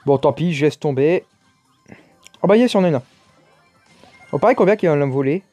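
A man's voice: a little high, lively intonation, brisk, warm tone, no room sound, soft background music. A man giving casual, chatty commentary over his own gameplay, exclaiming and muttering to himself as he plays. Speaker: gaming YouTuber.

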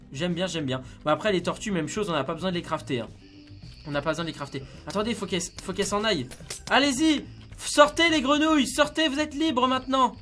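A man giving casual, excitable commentary on a video game, chatting to his viewers like friends. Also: sits high. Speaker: gaming YouTuber.

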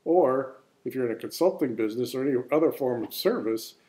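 A man's voice: medium pitch, expressive, fairly quick, mellow. A man giving an informal marketing lesson in a folksy, plain-spoken way, now and then poking fun at himself. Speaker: business presenter.

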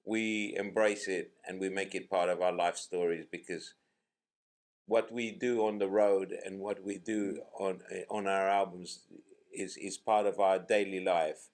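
A man's voice: low-pitched, flat delivery, measured pace, a little mellow. A man who leads a band, talking in a casual interview, telling jokey stories and often repeating words as he searches for them. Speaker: band leader, interview guest.

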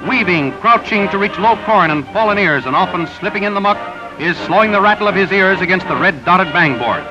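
A man reading scripted newsreel narration in a brisk announcer delivery, heard through an old 1930s newsreel soundtrack. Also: sits high, expressive. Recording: dull lo-fi 1930s newsreel with music. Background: music bed.

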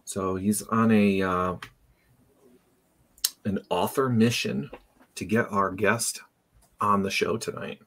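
A man's voice: lowish voice, fairly even intonation, slow, pauses often, a bit bright. A man hosting a live online show, chatting casually and greeting viewers by name. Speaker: podcast host. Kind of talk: casual live-stream chat.

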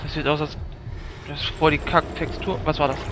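A man narrates his own gameplay with a slightly raised pitch, poking fun at himself as he goes. He yelps and shouts when something startles him. Clear game noise runs under his voice. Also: level tone, fairly quick. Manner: jokey, self-mocking running commentary. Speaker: let's play gamer. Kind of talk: let's play commentary.

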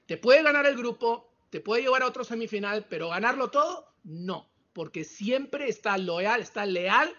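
Peruvian man in his forties, high bright voice, emphatic football pundit, dull video-call audio. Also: expressive, moderate pace, few pauses. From Peru. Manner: emphatic, exclamatory, mixes in English words. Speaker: football analyst. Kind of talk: casual sports debate. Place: home room.

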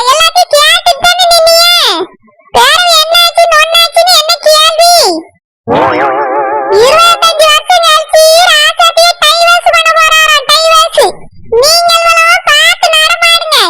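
A sharp-tongued old village grandmother from a cartoon , voiced by a woman scolds the young wives in Tirunelveli Tamil. Her voice sits very high and flat. Loud noise runs under her. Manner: lecturing, scolding.

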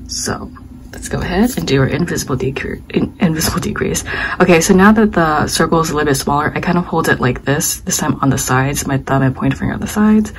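A young woman, slightly hoarse, teaching a step-by-step crochet tutorial and counting her stitches aloud as she works. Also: deep voice, quick pace, noisy background. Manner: calm, talks while working, counts stitches aloud. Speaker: crochet instructor.

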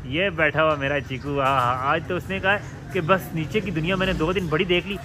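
Filming his pets in the home yard among their cages, a young man talks playfully, coaxing and scolding them like a casual vlogger of pets and birds. His voice is on the high side with fairly even intonation and a fairly quick pace. Loud birdsong fills the outdoor recording, with music in the background too.

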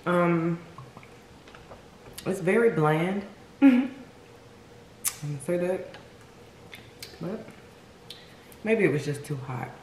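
A woman's voice: on the low side, expressive, drawn-out words, long pauses, a little mellow. A woman chatting casually to viewers as a mukbang host, talking between bites and humming as she tastes. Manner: eating while talking, with savouring mm sounds. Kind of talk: casual food-tasting chat to viewers. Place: indoor room at home, seated at a table. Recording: roomy echo with background noise.

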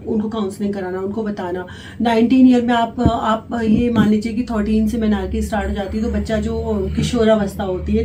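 A woman doctor and health officer answering interview questions, explaining patiently with frequent hesitations. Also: medium pitch. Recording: distant mic with faint noise.

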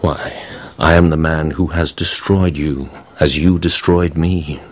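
A man playing a coolly menacing, vengeful Count in a radio drama, speaking in a measured, formal, sardonic way. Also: rumbling low, fairly even intonation. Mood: cold, vengeful.

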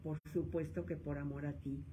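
A woman psychologist with a Mexican accent giving a lecture, animated and acting out the scolding voices of parents. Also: low voice, moderate pace, noisy background.

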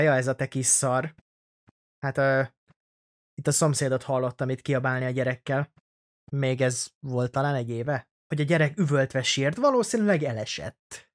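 A young man hosting a let's play, giving jokey, sarcastic, rambling commentary on a horror game. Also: mid-range voice.

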